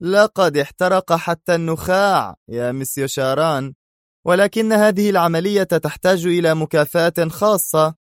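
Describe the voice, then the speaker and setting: A taunting, insolent traitor's voice, as a man reading the story puts it on, pitched high above his normal speech and pushed forward with greed. The audiobook recording is dry and close-miked. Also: a little fast, no room sound, natural voice. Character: spy impersonating a greedy male traitor on the phone.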